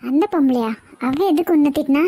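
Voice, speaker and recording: A woman voicing a bossy, scheming middle-aged mother-in-law in an animated cartoon, scolding sharply and scornfully. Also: high voice, brisk.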